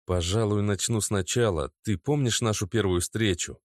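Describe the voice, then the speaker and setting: A man's voice: on the low side, moderate pace, no room sound, clean studio sound, natural voice. A man voicing a nervous young boyfriend who earnestly pleads to be believed.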